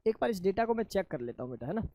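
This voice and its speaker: A man teaching a chemistry lesson, asking his students questions and answering them himself in a lower voice, calling them children. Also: big pitch swings, racing, mellow. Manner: addresses students affectionately as children. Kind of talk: classroom lecture.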